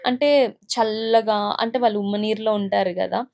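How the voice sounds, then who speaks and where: A woman's voice: mid-range voice, steady tone, fairly quick, vocal fry, a little mellow. A young woman with a Telugu accent, heartfelt as she recounts her own experience in a personal vlog. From India. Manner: emotional, heartfelt recounting with many fillers. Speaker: vlogger.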